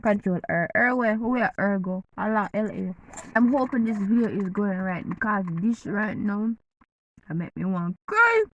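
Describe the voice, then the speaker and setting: Her mid-range voice is animated and moderately paced as the Jamaican woman eats and jokes around in a casual vlog chat. The recording sounds dull.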